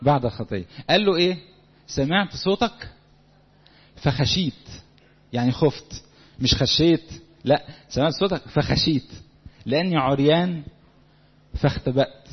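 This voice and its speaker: A man with an Egyptian Arabic accent preaches to young people in a slightly high, breathy voice, a little fast with long pauses. Lively and conversational, he acts out little dialogues, captured in a lo-fi recording in a reverberant hall.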